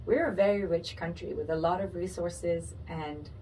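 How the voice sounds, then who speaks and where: Podcast guest: woman from Pakistan, lowish voice, playful and quick to laugh, mic a bit distant with faint hiss. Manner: lively, laughs often, playful asides. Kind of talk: casual interview chat. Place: podcast studio.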